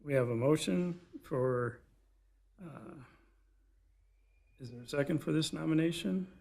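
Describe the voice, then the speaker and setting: A man with a measured, gravelly delivery, speaking formally as the chair of a commission meeting. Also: fairly high pitch, darkish tone. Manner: measured, procedural. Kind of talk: formal procedural meeting talk. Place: public meeting room.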